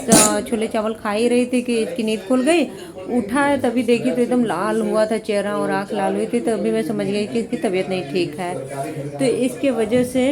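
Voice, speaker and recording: A woman in her thirties chatting casually in a home vlog, homely and rambling. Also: mid-range voice. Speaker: vlogger. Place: home kitchen.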